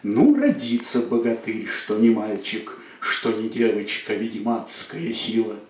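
A man giving a dramatic poetry declamation, with measured, emphatic phrases that swell and fall. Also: fairly low pitch, lively intonation. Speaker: poet reciting verse on stage. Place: echoey room, recorded at a distance. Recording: echoey room, distant dull microphone.

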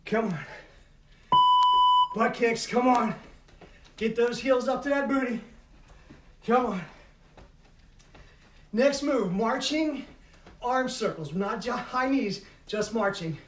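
A middle-aged man leads a workout as an aerobics instructor, urging people on in short calls. His voice is pitched high for a man. It is picked up from well across the room, with clear noise in the recording. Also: slow, pauses often. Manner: urging, motivating, calling out over exertion. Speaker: fitness instructor leading a home workout. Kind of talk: aerobics instructor calling out moves. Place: carpeted living room at home. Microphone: camera several metres away. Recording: echoey room, distant mic, noisy.

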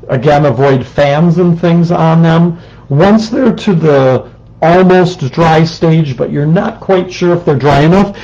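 A man's voice: a little high, darkish tone, muffled recording. A man teaching a ceramics lesson on a live stream, chatty and explanatory, with lots of ums, talking at a desk microphone with a fan running in the room. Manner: chatty, explanatory, says um often. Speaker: ceramics instructor. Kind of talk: live-streamed craft demonstration. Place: indoor studio with a fan running. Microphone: desk microphone, sitting close.

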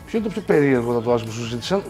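A man's voice: medium pitch, big pitch swings, a little mellow, soft background music. A man interviewing a guest, asking short questions and murmuring agreement, a little farther from the mic.

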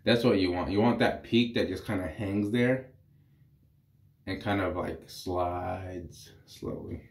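The voice is low, gravelly and slow, belonging to a man in his thirties with a head cold. Standing in a small, echoing bathroom, he rambles easily to the camera about his shave while doing it, in the manner of a casual wet-shaving vlog.

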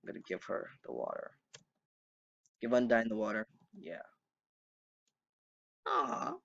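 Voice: medium pitch, huge pitch swings, a little slow, gravelly, fairly bright tone, dry recording, dull audio. A young gamer commenting on their own play, anxious muttering broken by sudden outbursts. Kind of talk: game commentary.

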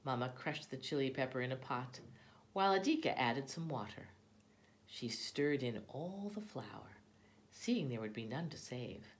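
A woman reads a children's picture book aloud, with an expressive storytelling manner. Her voice sits low. It rises and falls in a lively way. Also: unhurried. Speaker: storybook reader.

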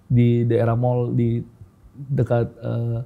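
A man's voice: mid-range voice, completely flat delivery, takes it slowly, creaky, narrow, tinny audio. A man in his thirties from Makassar tells his personal testimony as a guest in a casual, informal way, often calling the host "bro" and mixing in English phrases. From Makassar, Indonesia.

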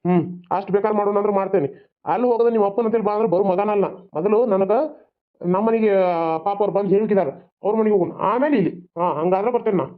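A man's voice: high voice, fast talker, close to an everyday voice. A man voicing a stubborn, grumbling husband in a cartoon. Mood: grudging. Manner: grumbling, refusing. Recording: tinny phone-like sound.

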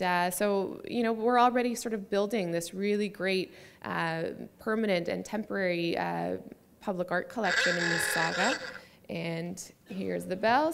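Gravelly-voiced woman presenting slides. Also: medium pitch. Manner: hesitant, many fillers. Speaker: conference speaker, city public art staff.

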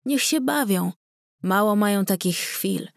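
A woman reading the lines of a gentle, shy young village man in a storybook, speaking softly and coaxingly. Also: mid-range voice, expressive, measured pace, gravelly, no room sound, studio quality. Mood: tender.

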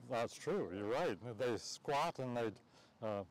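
A man's voice: mid-range voice, lively intonation, slow pace. A man announcing a live outdoor contest at a cow pasture, bantering jokingly with the crowd and teasing the waiting audience. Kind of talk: casual live event announcing.

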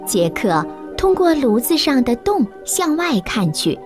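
A woman narrating a children's storybook slowly and expressively. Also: sits high, over music. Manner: slow, expressive, lively storytelling.

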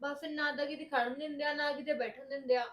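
A woman's voice: high-pitched, fairly even intonation, fairly quick, a bit bright. A young woman playing a spoiled newlywed wife who whines and complains about her in-laws. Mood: complaining. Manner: whining, complaining, quarrelsome. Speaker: actor in a short film. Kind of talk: village short-film acting.

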